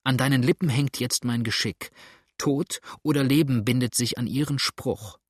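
A man's voice: mid-range voice, normal speed, breathy edge, no echo, clean studio sound, natural voice. A man reading the part of a desperate husband, a judge, pleading urgently with a trembling voice.

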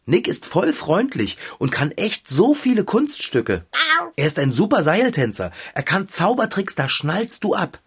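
A man voicing a friendly shopkeeper who owns a cat, cheerful and chatty, with a husky voice. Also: on the high side, very animated, a little slow, exaggerated voice. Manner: cheerful, talks to an invisible friend.

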